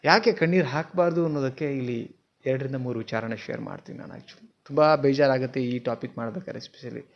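A man with a Kannada accent gives a motivational talk straight to camera. He is earnest and keeps asking his viewers questions. His middle-pitched voice comes through a cheap, dull-sounding home mic. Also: fairly quick. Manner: earnest, questions the viewer, mixes in English words. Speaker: motivational speaker. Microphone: simple mic, not professional.

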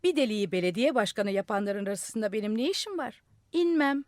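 Woman voicing a loud, defiant male madman for a storybook; high and jumpy, dry studio sound. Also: lively intonation, brisk, no echo, close to an everyday voice. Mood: defiant shouting. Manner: loud, shouting demands. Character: stubborn madman on a rooftop, gleeful and defiant. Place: radio studio.

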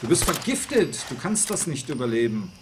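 A man narrating his own gameplay in a chatty, excitable voice of middle pitch. He mutters plans to himself and leaps up into shrill alarm when things go wrong. Game sounds sit clearly beneath his voice. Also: moderate pace, noisy background. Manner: excitable, talks to himself, jumps up to shrill panic. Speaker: let's play host. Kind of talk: live gameplay commentary.

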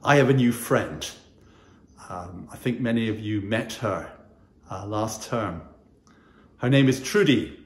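A man in his sixties, a chaplain, giving a gentle, earnest chapel talk to pupils, recorded on a camera at mid distance in a small wood-panelled room. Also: lowish voice, a little slow, long pauses. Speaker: school chaplain. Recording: roomy echo.

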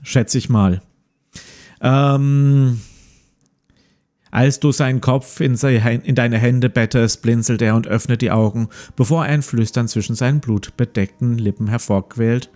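With a warm, steady, medium-pitched voice and a measured pace, a man in his forties reads from a gamebook for his let's play and comments in a relaxed way. Plucked guitar music sits in the background.

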